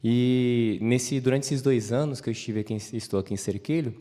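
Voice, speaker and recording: A Brazilian man answers questions on stage in a large assembly hall, his mid-pitched voice warm and mellow under a long reverb. He speaks earnestly and steadily. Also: normal speed. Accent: Brazilian Portuguese. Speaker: interviewee. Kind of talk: stage interview, personal account.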